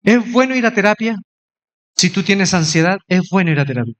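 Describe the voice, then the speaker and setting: A man's voice: sits high, lively intonation, brisk, a bit bright. A middle-aged man, preaching a sermon in a conversational way, mixing teaching with playful mimicry.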